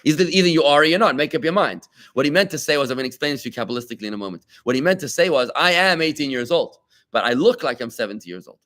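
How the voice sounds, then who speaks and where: Speaking in a mid-range voice, a man leads a live Talmud class as a rabbi. He's lively and conversational, using rhetorical questions and side remarks to his students.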